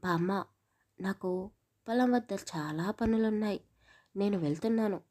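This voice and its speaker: A woman's voice: medium pitch, unhurried, dark tone, voice pushed down, lightly acted. A woman voicing a stern, angry young village man who scolds harshly in a storybook.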